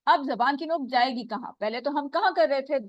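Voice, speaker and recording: A woman teaching Quran recitation in an online class, patiently repeating sounds slowly for her students. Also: sits high, no room sound, dull audio.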